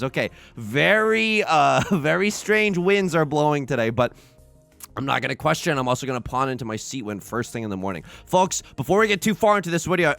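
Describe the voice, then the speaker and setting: A man's voice: fairly high pitch, gravelly, fairly bright tone, dry recording. A man hosting his own let's play, talking through a tile game in a rambling, self-mocking stream of consciousness into a desk microphone. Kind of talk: casual gameplay commentary.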